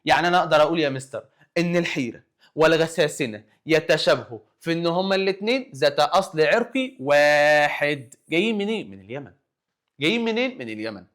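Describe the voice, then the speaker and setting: Young Egyptian man, history teacher, rapid and slightly high, lively self-quizzing review. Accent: Egyptian Arabic. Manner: animated, asks and answers his own questions. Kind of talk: exam review lesson.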